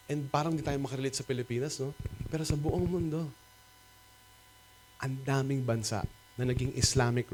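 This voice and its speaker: Animated Filipino pastor preaching. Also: male voice, mid-range voice, a little hiss or hum. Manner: animated, rhetorical preaching that mixes Tagalog and English. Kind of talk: sermon. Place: cinema used as a church hall.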